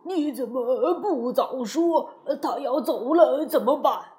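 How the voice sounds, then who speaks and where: Fretful ailing king for a storybook read, put on by a woman; pitched high, unhurried. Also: expressive, dark tone. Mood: pleading. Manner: slow, drawn-out, fretful royal speech. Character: anxious ailing old king. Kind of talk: children's storybook voice acting.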